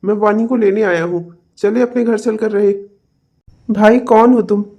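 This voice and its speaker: A man's voice: high-pitched, steady tone, unhurried, a little mellow. A man voicing a self-satisfied, busy rich husband in a cartoon, breezy and demanding. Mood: insistent.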